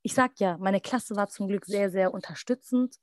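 A woman's voice: medium pitch, moderate pace, no echo, studio quality. Young woman telling a story casually. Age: young adult. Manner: lively, quotes others in little acted asides. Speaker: podcast guest.

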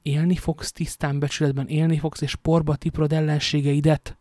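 A man voicing a fervent, lovestruck young officer, speaking low and intense. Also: level tone, a little mellow, no echo, studio quality, close to an everyday voice.

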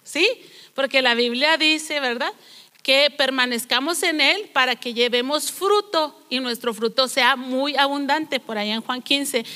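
Brief: woman preacher, high bright voice, earnest sermon, long church reverb. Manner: earnest, storytelling, rhetorical questions.

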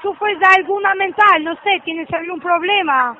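A woman's voice: very high voice, normal speed, a crowd in the background. A woman calling in who talks insistently and keeps repeating her insults. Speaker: caller. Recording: tinny phone line with hiss.

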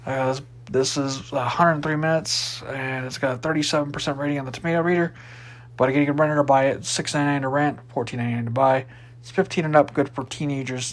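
A man hosting a casual solo podcast, chatty and rambling as he runs through new movie releases. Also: on the high side. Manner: chatty, rambling, with fillers and restarts. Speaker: podcast host.

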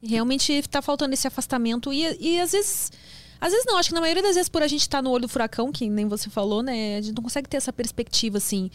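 A woman with a Brazilian Portuguese accent hosting a podcast, asking questions in a relaxed way with short prompting replies. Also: sits high, fast talker. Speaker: podcast host. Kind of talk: casual interview chat.

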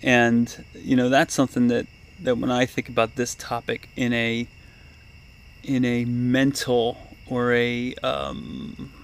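A man with a mid-pitched voice co-hosts a casual podcast. He talks haltingly and rambles as he goes. Crickets and insects can be heard in the backyard where he is recorded. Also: a little hiss or hum. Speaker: podcast co-host. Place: backyard, outdoors.

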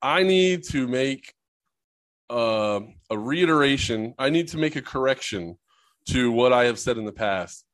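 A man's voice: mid-range voice, expressive, measured pace, fairly bright tone, no room sound. A man co-hosting a crude, casual sports podcast, joking and laughing often and swearing freely. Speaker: podcast co-host.

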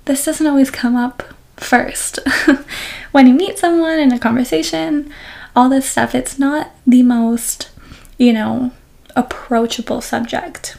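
Young woman podcast host, candid and reflective, a touch high in pitch, casual solo episode. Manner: open and reflective, with soft laughs and restarts. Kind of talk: candid personal podcast talk.

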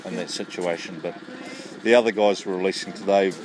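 A man's voice: sits low, fairly even intonation, fairly quick. A man with a New Zealand accent explaining his work informally in an outdoor interview. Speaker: fish hatchery worker. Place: outdoors by a lake. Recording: clear outdoor background noise.

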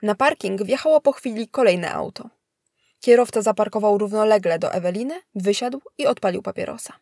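A woman narrating a thriller with a steady, measured delivery at a middle pitch. The recording is close-miked and completely dry. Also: breathy edge, dry recording. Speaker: audiobook narrator. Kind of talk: scripted narration of a thriller story.

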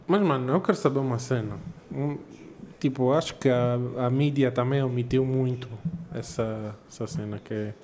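A man's voice: medium pitch, moderate pace, hardly any pauses, darkish tone, a little hiss or hum. A young man co-hosting a podcast, chatting casually and slangily with friends. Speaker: podcast co-host.

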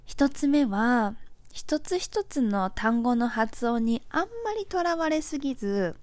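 A woman's voice: on the high side, animated, a little slow, dry recording. A woman in her forties, from Japan, hosting a casual solo audio talk and explaining things in a chatty, friendly way with filler words. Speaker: podcast host.

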